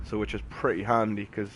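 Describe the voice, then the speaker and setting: A man streams a game, chatting in a loose, slangy, plain-spoken ramble while the game's music and effects play. His voice runs on the low side with noticeable vocal fry, and slight background noise is present.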